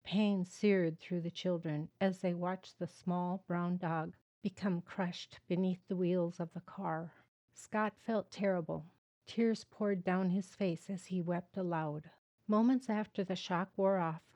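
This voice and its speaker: Woman author narrating her own memoir, measured and earnest; low, mellow tone. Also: steady tone. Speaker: author and host. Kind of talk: reading her own book aloud.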